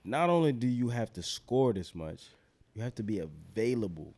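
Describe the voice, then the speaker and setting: A man with a lowish voice talking sports in a casual, slangy way. He quotes figures and keeps pressing his question to the others. The sound is dry and close-miked. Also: sing-song, normal speed, darkish tone, no room sound. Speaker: podcast co-host.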